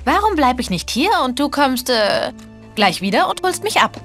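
A woman's voice: high voice, sing-song, moderate pace, a bit bright. An actress voicing a young woman journalist in a video game, playful and a little evasive. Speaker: game character. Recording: game audio under music.

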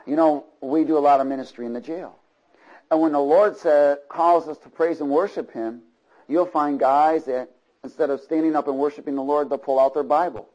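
In a slightly high, slightly mellow voice with fairly even intonation and normal speed, a man delivers a sermon in church, the audio dull. He uses rhythmic repetition and repeatedly asks the congregation to respond in agreement.

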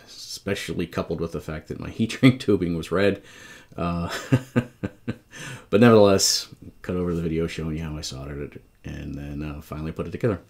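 A man's voice: low-pitched, roomy sound. A man in his forties, a host chatting casually and self-deprecatingly as he walks through a big cluttered home garage workshop on a handheld camera. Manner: chatty, self-deprecating, loose with ums and laughs. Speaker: DIY video host. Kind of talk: casual walkthrough vlog. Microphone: handheld camera mic.

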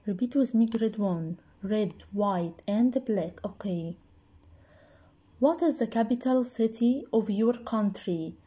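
Slow, patient woman teaching English. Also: medium pitch, dark tone, breathy edge. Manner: patient, has pupils repeat after her. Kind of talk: slow, repetitive drilling for young pupils. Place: indoors at a laptop desk, voice-over on screen recording.

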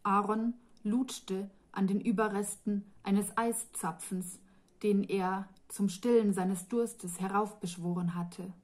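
A woman author reading her own fantasy novel aloud in a calm, measured storytelling voice. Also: medium pitch. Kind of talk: audiobook fantasy narration.

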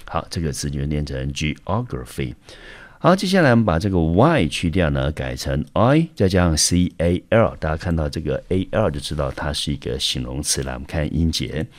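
Very deep-voiced man teaching vocabulary. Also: normal speed. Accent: Taiwanese Mandarin. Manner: steady explanatory, frequent "好" fillers. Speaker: English teacher. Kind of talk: vocabulary lesson.

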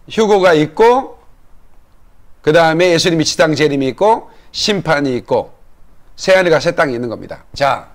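A male pastor delivering a teaching sermon in a notably high voice for a man. He lays out his points one at a time, pauses to ask the congregation whether they follow, and invites them to answer amen. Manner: asks the congregation questions and calls for amens; explains slowly step by step. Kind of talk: sermon-style Bible lesson.

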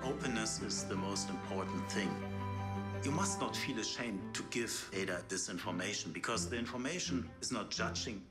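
A woman narrating a promotional video in a slow, deliberate, scripted way. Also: rumbling low. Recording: echoey venue playback with loud music.

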